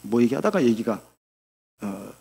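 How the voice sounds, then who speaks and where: Older male pastor, sermon with animated stories, husky gravelly tone, long hall reverb. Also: mid-range voice, unhurried. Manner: animated anecdotes, laughing, acting out people. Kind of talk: sermon with storytelling. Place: church sanctuary.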